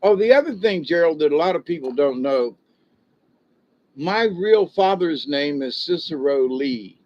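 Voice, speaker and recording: Chatting with viewers on his livestream, this older host rambles in a folksy way and laughs at his own jokes. Born in Ohio and raised in Florida and South Georgia, he has a slight Southern drawl, a fairly high, expressive voice and a somewhat slow delivery, all captured on dull lo-fi audio.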